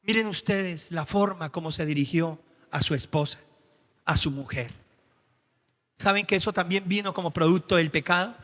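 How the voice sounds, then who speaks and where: Male Colombian preacher, high voice, dramatic sermon, long church reverb. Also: moderate pace. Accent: Colombian Spanish. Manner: dramatic, acts out Bible scenes, swings from soft to shouting. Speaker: pastor.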